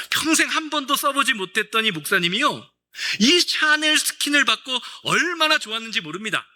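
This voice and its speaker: A man's voice: sits high, sharp tone. A male pastor preaching a Sunday sermon, telling a story with acted-out dialogue and questions to the congregation.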